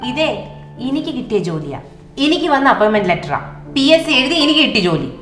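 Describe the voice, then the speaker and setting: A woman's voice: high-pitched, very animated, fast, a bit bright, soft background music. A woman with a Malayali accent playing a defiant young wife who lectures her parents in a comedy sketch. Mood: indignant. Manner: indignant, lecturing. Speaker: daughter defending her husband. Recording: roomy echo.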